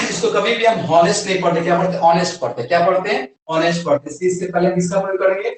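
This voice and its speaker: A quick-paced, high-pitched male voice with an Indian accent belongs to an English teacher running a grammar lesson. He keeps asking questions and answering them himself. The recording sounds distant and very echoey.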